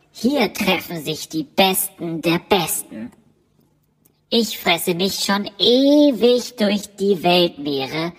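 Brief: cocky seagull played by a woman in a disguised deep voice, slow and husky, with a long echo. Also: exaggerated voice. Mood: boastful. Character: cocky boastful seagull in a masked-guess game. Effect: disguised low voice. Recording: clip played in with long echoing reverb.

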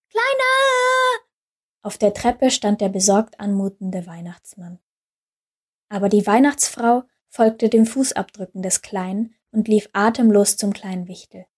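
A woman narrating a Christmas storybook calmly and gently. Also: medium pitch, slightly rough.

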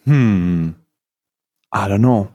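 A man hosting a casual chat, excitable and scatterbrained as he unboxes an advent calendar, laughing often. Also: lowish voice, extremely slow. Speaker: podcast host.

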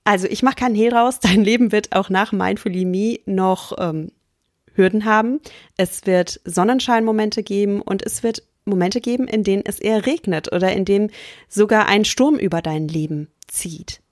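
A woman coach speaks in an earnest, emphatic way, pitching a motivational course in a mid-range voice. She slows down for emphasis and sometimes sinks into a soft whisper. The recording is close and dry, with no room sound. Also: no room sound. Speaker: life coach.

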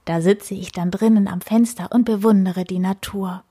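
A woman voicing a cheerful, lonely little male creature in a children's story, gushing and wistful in a raised, breathy voice. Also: mid-range voice, steady tone, normal speed, dark tone, lightly acted. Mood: delighted.

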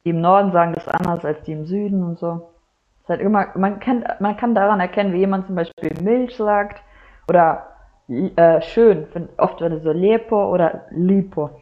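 A woman's voice: fairly low pitch, normal speed. A young woman with a Croatian family background, a guest telling anecdotes animatedly, often laughing and acting out dialogue. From Germany, Croatian family. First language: Croatian heritage speaker. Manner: animated storyteller, laughs often, acts out quotes. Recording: slightly dull lo-fi audio.

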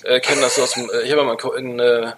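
A middle-aged man co-hosting a casual podcast, speaking haltingly and often searching for words. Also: medium pitch, level tone, noisy background. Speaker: podcast co-host.

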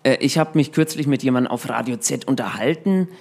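A man's voice: mid-range voice, a little fast, creaky. A man hosting a live radio show, talking casually and chatty with lots of hesitations and restarts. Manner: chatty, with many filler sounds and restarts.

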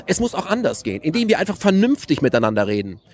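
Man, fairly high voice, animated interview talk full of rhetorical questions. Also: quick pace. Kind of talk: casual conversation.

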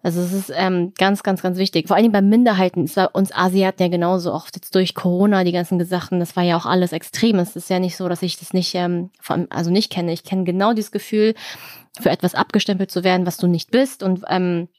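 A woman's voice: on the low side, level tone, fast talker, darkish tone, no room sound. Woman host, casual chat, lots of "ähm"s, dry close sound. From Germany. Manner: chatty, many fillers and restarts. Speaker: podcast host.

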